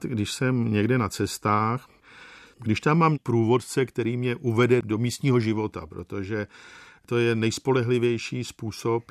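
A man telling travel anecdotes in an unhurried, wry and reflective way. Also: mid-range voice, dry recording, studio quality. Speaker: storyteller.

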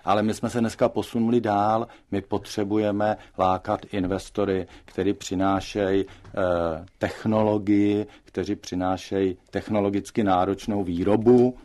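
A man with a fairly low voice argues his case in a studio debate. He talks in measured, deliberate sentences, pausing with hesitations as he builds his argument. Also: fairly even intonation, darkish tone.

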